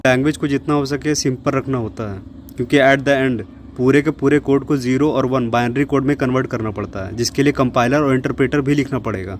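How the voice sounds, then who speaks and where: A man's voice: medium pitch, slight background noise. A man hosting an explainer video, debunking a claim in a critical, lecturing tone with a sarcastic edge. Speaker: fact-check host. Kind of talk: explainer commentary.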